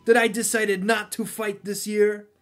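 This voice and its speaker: A man's voice: sits high, level tone, a little slow, soft background music, pitched above the performer's own voice. A man voicing a sly aged male sorcerer who hosts a martial arts tournament, in a stiff, put-on delivery. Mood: smug. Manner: stiff, imitating a game character's delivery.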